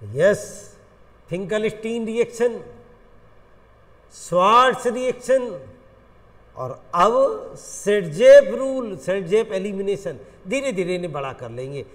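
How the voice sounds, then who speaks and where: Lively high-voiced Indian chemistry teacher. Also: male voice, slow, long reverb tail. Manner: animated, coaxing, addresses students as friends. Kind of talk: classroom lecture.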